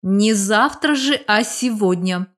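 A woman's voice: fairly high pitch, moderate pace, lightly acted. A woman reading the part of a confident, playful young man in an audiobook, speaking with joking bossiness. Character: young man, cheerful, confident, teasing old friend. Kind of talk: audiobook character voice.

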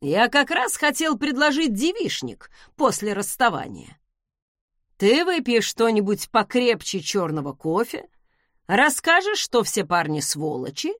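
A woman's voice: on the high side, sing-song, a little slow, a bit bright, no echo, studio quality. A woman reading the lines of a smug, charming young male academy student who teases with ironic remarks. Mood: teasing. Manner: teasing, ironic.

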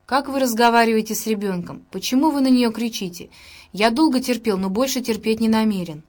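A man's voice: very high-pitched, a little fast, a little mellow. A woman voicing an indignant elderly grandfather who reproaches others sternly. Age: older.

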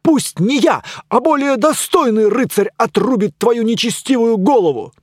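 Guy voicing a high shrill pompous knight yelling challenges, storybook audiobook, dry close sound. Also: expressive, moderate pace, no echo. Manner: shouting grand challenges, voice cracking high. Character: pompous blustering knight, shrill, easily flustered.

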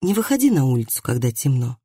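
A kind male village doctor speaks in a calm, gentle way, as an audiobook reader puts him on. The tone is dark and mellow. The sound is dry and close. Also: medium pitch, fast, slightly rough, dry recording, pitched below the performer's own voice. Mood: calm, reassuring. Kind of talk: audiobook dialogue reading.

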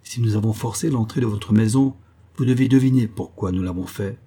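A man's voice: on the low side, a little fast, warm tone, husky. A man voicing a strong village blacksmith who speaks firmly and with determination. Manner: firm and determined.

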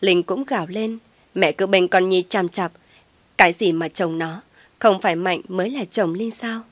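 A woman narrating a story audiobook in a measured, even way, close to the mic. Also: fairly low pitch, no echo.

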